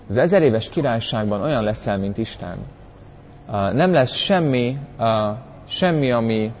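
A man's voice: on the low side, a little mellow, slight background noise. Man, preacher, conversational Bible teaching, hesitant and reflective, long reverb. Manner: reflective, searching for words, with dramatic emphasis.

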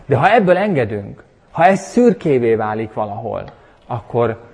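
A man preaching in a church hall, his husky voice ringing with a long reverb. He delivers the sermon with emphatic, animated bursts and ends in prayer. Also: mid-range voice. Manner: animated, emphatic preaching with sudden loud peaks.

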